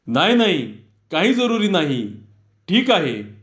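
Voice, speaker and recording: A man voicing an educated town man with a camera who patiently explains things with quiet amusement. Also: sits high, very animated, slow, exaggerated voice. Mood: amused patience. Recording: dull lo-fi recording.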